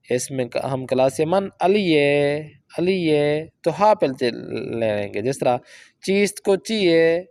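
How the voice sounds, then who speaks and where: A man teaching a Persian course, explaining exercises and reading example sentences out slowly and carefully. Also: on the high side, darkish tone, dry recording. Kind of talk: language lesson explaining book exercises.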